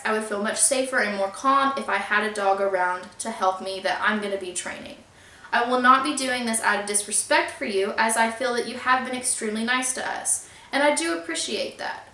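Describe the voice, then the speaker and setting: A woman's voice: on the high side, pushed and bright. A young woman vlogger telling a storytime about her landlord and reading out emails in an earnest, upset but polite way. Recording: echoey room.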